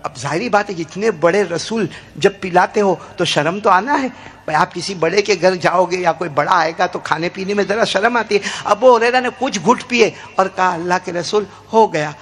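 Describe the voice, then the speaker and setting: A male preacher, telling a story in an animated, dramatic sermon style with shouted peaks. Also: high voice.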